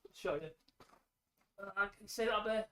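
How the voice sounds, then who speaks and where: Recorded on a mic hung from a ceiling clamp in his home workshop, a middle-aged woodworking vlogger chats in a high, sharp voice at a fairly quick pace. He's congested with a head cold, and his talk rambles casually with self-deprecating jokes.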